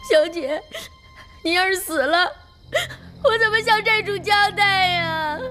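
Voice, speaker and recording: A very high, bright fretful maid. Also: female voice, normal speed, soft background music. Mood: tearful. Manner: pleading, tearful. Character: young maid, fretful and devoted.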